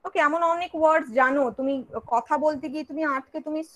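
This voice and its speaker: A woman's voice: high voice, fairly even intonation, fairly quick, low-quality recording. A woman teacher with a Bengali accent giving an online English class, switching between Bengali and English and asking and answering her own questions.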